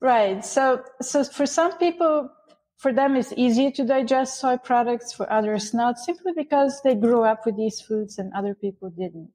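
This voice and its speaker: A woman from Bulgaria talks as a guest in an interview, explaining at length. Her voice sits fairly high. She restarts phrases often and keeps an eager, animated flow. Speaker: guest, Ayurveda author. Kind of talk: interview conversation.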